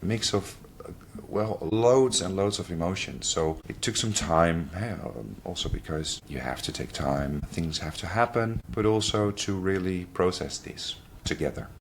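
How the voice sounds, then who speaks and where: Deep-voiced man telling a painful story. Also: a little hiss or hum. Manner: halting, with restarts and fillers. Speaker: podcast guest sharing his family story. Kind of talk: candid interview talk.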